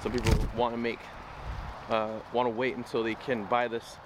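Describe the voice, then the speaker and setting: His pitch is medium and barely moves as he talks at a normal pace, walking a city street for his vlog. He's losing his voice yet stays upbeat, rambling casually and motivationally over noisy surroundings.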